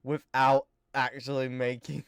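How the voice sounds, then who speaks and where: A man's voice: mid-range voice, flat delivery, a little slow, clear, resonant tone, no echo, clean studio sound. A man hosting a live group reading over voice chat on a headset, teasing and swearing freely. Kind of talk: casual banter among friends.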